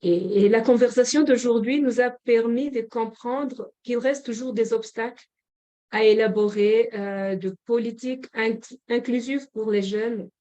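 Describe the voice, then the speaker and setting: A woman from Rwanda, a government representative, giving a formal closing speech at a forum in a measured way, with frequent pauses and hesitations. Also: on the high side, dark tone, dull audio.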